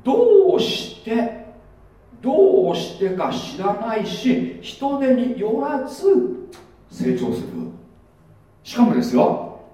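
A man's voice: very high voice, huge pitch swings, takes it slowly, long pauses, mellow. A middle-aged male pastor preaching a sermon in a chatty, conversational way, often putting questions to his congregation. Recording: echoey hall, mic far off.

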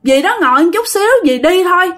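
A woman's voice: very high voice, animated, quick pace, fairly bright tone, voice pushed up. A woman voicing a frightened wife who pleads in a rising voice. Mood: upset. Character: anxious young wife pleading.

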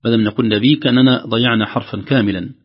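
A man teaching Quran recitation rules, drawing out each quoted verse slowly between quick explanations. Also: mid-range voice, steady tone, lo-fi sound.

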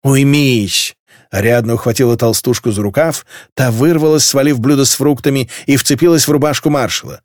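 A man reads an audiobook, telling the story in a measured yet expressive way. His voice is medium-pitched, and the studio-quality recording has no room sound.

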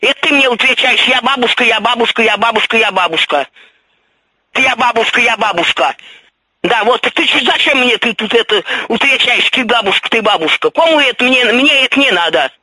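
A woman's voice: on the high side, animated, a little fast, sharp tone, breathy edge, poor audio. An older grandmother on the phone, scolding and mocking the caller over and over.

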